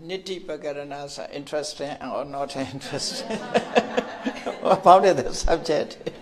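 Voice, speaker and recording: A man teaching as a senior monk, slowly answering questions at a course ceremony with halting explanations and laughter. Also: a little high, crowd noise. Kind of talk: dharma talk answering questions. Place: hall at a ceremony.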